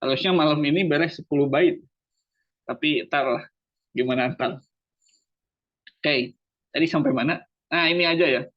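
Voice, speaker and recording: Man, tajwid teacher, slightly high voice, muffled lo-fi online audio, question-and-answer explaining. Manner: explains step by step with questions and answers, slowly demonstrates recitation. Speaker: Quran recitation teacher. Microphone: online class microphone.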